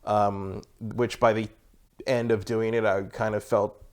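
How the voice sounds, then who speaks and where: Male co-host, lowish pitch, casual chat, halting, noncommittal delivery. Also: level tone, a little mellow.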